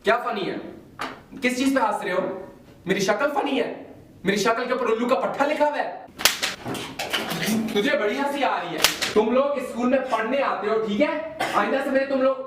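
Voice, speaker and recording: A man's voice: extremely high pitch, brisk, long pauses, a little hiss or hum, pitched above the performer's own voice. A man playing a strict, angry male schoolteacher who scolds his class. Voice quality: stern, scolding. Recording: roomy, distant home video.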